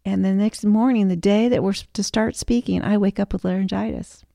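A woman co-hosts a faith podcast and tells a personal story earnestly. Her voice is mellow and warm with a gravelly fry. The sound is dry and close. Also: mid-range voice, fairly even intonation, a little fast, dry recording. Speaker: podcast co-host. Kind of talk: faith-based conversational podcast.

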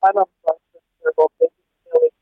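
A woman's voice: slow pace, no echo. A woman calling in to a radio show on a mobile phone that keeps breaking up, her sentences choppy and cut off mid-phrase. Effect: mobile phone line breaking up, choppy dropouts. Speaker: caller. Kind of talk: radio call-in. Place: resident's room in a care home. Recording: tinny mobile phone line, distant from the phone.

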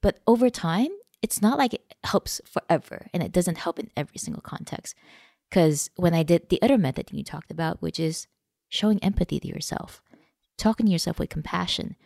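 A woman's voice: fairly low pitch, lively intonation, normal speed, vocal fry, a little mellow, dry recording, studio quality. A woman podcast host, telling a candid personal story in casual conversation.

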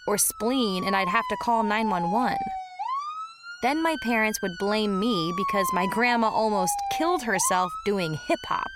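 A woman reading a first-person diary story aloud in a sarcastic, dramatic teen voice. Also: a little high. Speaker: audiobook narrator.

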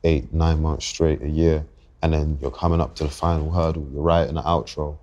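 Very deep flat-voiced young London man. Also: highs cut off. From England. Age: 20s. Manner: reflective, halting, circles back to restart thoughts. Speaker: guest rapper. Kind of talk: podcast interview.

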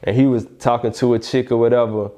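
Mellow Southern man, slangy and casual. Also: medium pitch, little pitch movement, fast talker. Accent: Southern US, Alabama. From Alabama, United States. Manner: slangy, repeatedly checks "you know what I'm saying". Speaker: rapper being interviewed. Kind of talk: casual interview talk.

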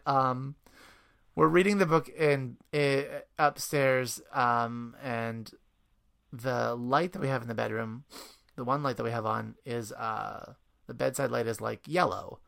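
A man's voice: mid-range voice, measured pace, gravelly, a bit bright. A man speaking as a parent guest, telling rambling anecdotes in casual chat and laughing often.

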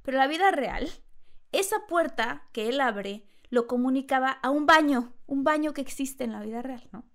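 A woman's voice: high voice, moderate pace. A woman, a podcast guest, telling a funny anecdote and acting out the voices, laughing often. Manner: lively storyteller, acts out voices and laughs often.

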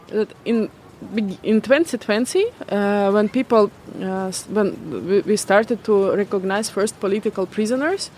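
A woman with a Belarusian accent and a medium-pitched voice gives a reflective, personal interview. She speaks English as a second language and often halts to find the right word. Faint noise and passing vehicles sit behind her. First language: not English. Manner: halting, searching for words.

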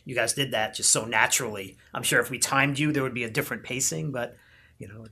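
A podcast host interviewing guests in a relaxed, jokey manner. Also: mid-range voice, quick pace, a little hiss or hum.

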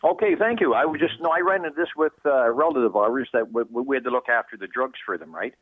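Fast-talking man calling in by phone. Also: mid-range voice, expressive, breathy edge, dry recording. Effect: phone line. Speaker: caller. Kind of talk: radio call-in question. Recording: tinny phone line.

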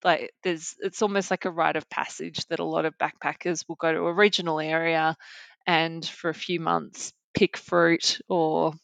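A woman's voice: low-pitched, level tone, moderate pace, gravelly, fairly bright tone, no echo. A woman co-hosting a podcast, chatting casually with frequent fillers and restarts. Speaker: podcast co-host. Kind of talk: casual chat.

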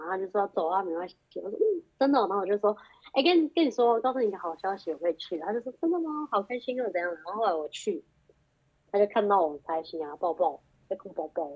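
On a group phone call with muffled, lo-fi sound, a young female guest in a casual chat narrates a story and acts out the quoted lines with animation. Her voice is mid-range and slightly rough.

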